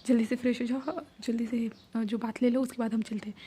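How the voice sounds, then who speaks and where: A woman's voice: fairly high pitch, flat delivery, fast, dark tone, husky. A woman voicing a reserved grown man who stammers and speaks briefly in a told story. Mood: curt. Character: reserved, shy grown man, a mafia boss.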